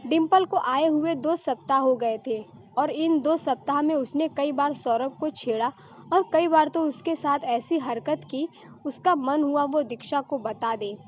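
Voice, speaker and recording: Woman storyteller, steady narration, high-pitched, muffled lo-fi recording.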